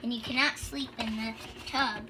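A girl playing a child in a home-made make-believe game, at times whiny and excited. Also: on the high side, normal speed. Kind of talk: kids' pretend play. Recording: loud background noise.

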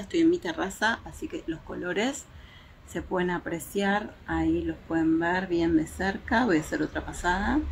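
Chatty woman reviewing makeup, gravelly voice. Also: on the low side, a little hiss or hum. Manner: chatty, hesitant fillers, shows swatches to viewers. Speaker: beauty vlogger. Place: home terrace, outdoors in daylight.

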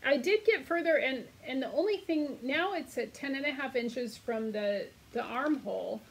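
A woman co-hosting a casual podcast, talking in a relaxed, self-deprecating way. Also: high voice, normal speed, vocal fry, husky, rough recording. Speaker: podcast co-host. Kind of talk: casual chat.

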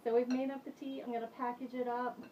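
A woman's voice: on the high side, level tone, quick pace, dark tone. A woman in her forties hosting a casual kitchen vlog, chatting and explaining to the camera as she mixes tea. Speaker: host of a witchcraft kitchen show. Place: home kitchen, indoors. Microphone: camera mic from a few feet away. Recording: slightly distant camera mic with faint room noise.

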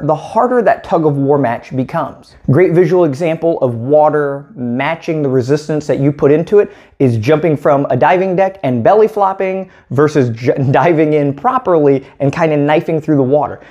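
Paddling coach, man in his 30s, mellow tone, methodical demo, small room. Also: fairly high pitch, moderate pace, few pauses, lo-fi sound. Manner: clear, methodical explaining while demonstrating strokes. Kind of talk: instructional demonstration.

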